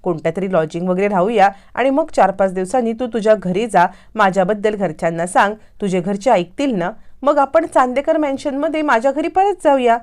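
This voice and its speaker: Woman voicing a calm young man. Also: mid-range voice, brisk, few pauses, natural voice. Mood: reassuring.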